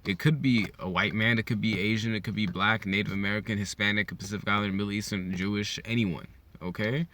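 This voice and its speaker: A young man from California ranting in a casual opinion vlog, animated and repetitive, full of slang, often checking in with "okay?". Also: on the low side, quick pace. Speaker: YouTuber vlogging his opinion.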